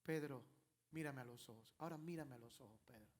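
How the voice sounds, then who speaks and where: A man voicing a gentle, loving male master who speaks softly, slowly and almost in a whisper. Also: medium pitch, voice pushed down, natural voice. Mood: tender. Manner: soft, slow, near-whispered.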